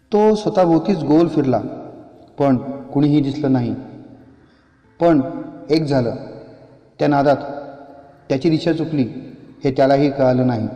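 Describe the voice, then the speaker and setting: Guy narrating a scary story, slow with big pauses, mellow dark voice, echoey room. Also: mid-range voice, lo-fi sound. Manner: slow dramatic pauses between short phrases. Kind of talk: scripted horror narration.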